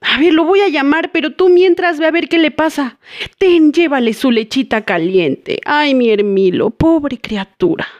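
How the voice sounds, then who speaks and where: A woman's voice: high voice, moderate pace, a little mellow, dull audio, lightly acted. A woman playing a fussing Mexican mom. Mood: fretful. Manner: fussing, doting. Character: doting worried Mexican mother.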